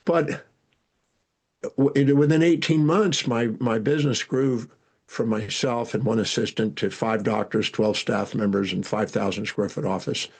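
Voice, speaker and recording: An older man, a guest speaker and educator, telling animated stories from his life in an interview, with frequent restarts. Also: lowish voice, measured pace, breathy edge. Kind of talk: storytelling interview answers.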